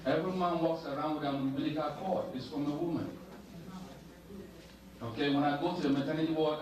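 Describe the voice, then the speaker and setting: Man, earnest testimony, halting with ums, far off in a booming hall, noisy. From Ghana. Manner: earnest, hesitant with many ums. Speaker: audience speaker. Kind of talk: personal testimony.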